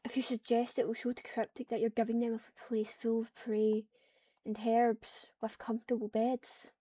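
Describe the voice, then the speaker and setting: This online roleplayer speaks a little high, in a warm, level tone at normal speed, with no room sound. She improvises a roleplay story in third person, saying the dialogue and tags aloud and repeating phrases while she works them out. Keyboard typing and clicks come through noisily on a muffled lo-fi mic.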